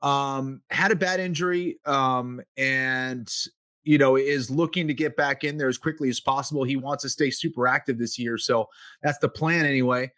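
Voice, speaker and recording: A man co-hosting a sports podcast, talking in a loose, relaxed way with lots of "you know" fillers. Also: medium pitch, normal speed, no room sound, studio quality. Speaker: podcast co-host, fight analyst. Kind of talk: casual sports podcast chat.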